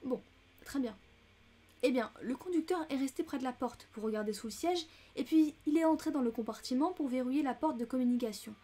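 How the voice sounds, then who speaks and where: A woman's voice: high voice, brisk, mellow. A woman reading as a fussy, chatty older American lady. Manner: chatty and indignant. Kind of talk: audiobook character reading.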